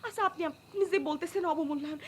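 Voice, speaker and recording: A woman's voice: very high voice, quick pace, slight background noise. An actress playing a young wife who pleads anxiously with her hot-headed husband in a comic TV drama. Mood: pleading. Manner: pleading, anxious, hushed scolding.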